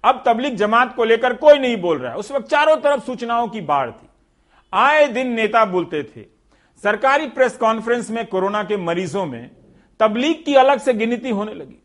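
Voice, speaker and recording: High-voiced male news commentator, sarcastic. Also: sing-song, normal speed, a bit bright. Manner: sarcastic, rhetorical, addresses the viewer directly.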